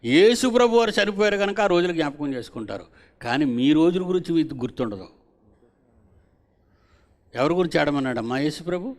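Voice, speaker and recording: A man's voice: fairly high pitch, lively intonation, a little fast, long pauses. Fervent man preaching at a gospel convention. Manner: repeats phrases, questions the audience directly.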